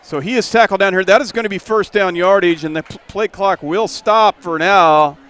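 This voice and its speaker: Folksy man calling high school football. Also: moderate pace. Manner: folksy, relaxed, rises when a play starts. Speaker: play-by-play announcer. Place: press box at a football stadium.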